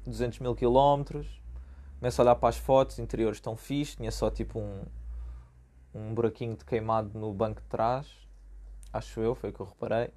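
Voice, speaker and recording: A young man with a Lisbon Portuguese accent, casually telling a story in slangy speech and acting out quotes along the way. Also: medium pitch. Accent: European Portuguese, Lisbon area. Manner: slangy, animated retelling with acted-out quotes. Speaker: vlogger.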